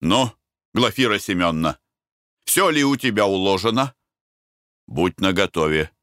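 A man voicing a panicky middle-aged husband abroad, fretful and hurried, in a storybook reading. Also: low-pitched, animated, a bit bright, clear, resonant tone, no room sound, studio quality. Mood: anxious, hurried.

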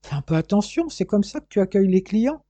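A man's voice: sits high, sing-song, fast, warm tone, no room sound, pitched above the performer's own voice. A man voicing a blunt, practical young brother who scolds and worries. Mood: scolding.

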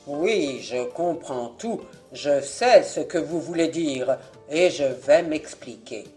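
A reader voicing a proud, indignant middle-aged Frenchman, speaking forcefully in a slightly lower, louder voice. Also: animated, slow, soft background music. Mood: explaining. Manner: forceful, declaiming.

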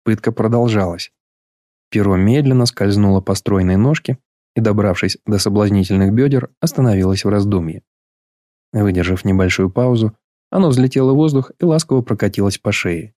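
A man reading an audiobook in scripted narration, measured and even, on a close mic. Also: fairly low pitch, no echo.

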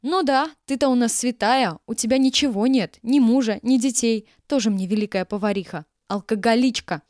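A shrill, venomous older nursery teacher shrieks in a raised, high voice, as a woman reader puts her on. She is scornful and defensive at every turn. The recording is dry and close, in the manner of an audiobook. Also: normal speed, darkish tone, no room sound, close to an everyday voice.

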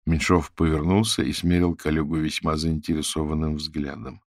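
Deep, gravelly male audiobook narrator. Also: fairly even intonation, moderate pace, dry recording, studio quality. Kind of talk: scripted narration.

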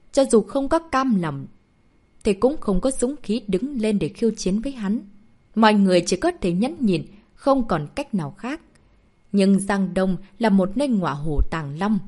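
Woman narrating with a lively voice. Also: medium pitch. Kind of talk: dramatic audiobook narration.

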